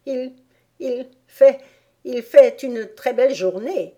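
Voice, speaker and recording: A woman reading a storybook aloud and voicing a timid, nervous male rabbit who stammers and hushes. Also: fairly high pitch, moderate pace, husky, pitched above the performer's own voice. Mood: timid hushed.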